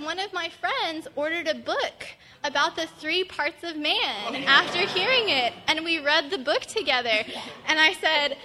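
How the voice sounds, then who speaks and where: A young woman from Texas, a college student, sharing a testimony as a lively story with frequent laughter. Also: sits high. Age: young adult.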